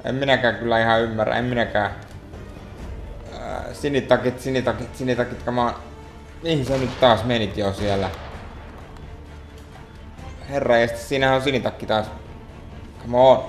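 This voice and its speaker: A man's voice: mid-range voice, steady tone, long pauses, faint music behind. A man giving gameplay commentary as a let's play host, muttering and grumbling at the game in an exasperated way. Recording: echoey room.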